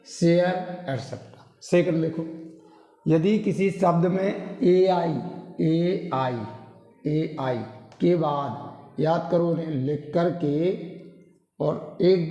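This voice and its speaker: A man's voice: fairly high pitch, warm tone, highs cut off. A man teaching a classroom-style pronunciation lesson, repeating himself and often checking in with tag questions. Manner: repetitive, drilling, frequent tag questions. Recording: roomy hall echo.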